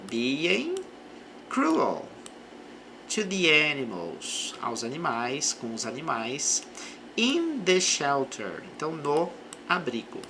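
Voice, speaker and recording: A man teaching English vocabulary and pronunciation, speaking slowly and carefully and repeating English phrases for the learner. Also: medium pitch, gravelly, noisy background. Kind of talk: pronunciation lesson.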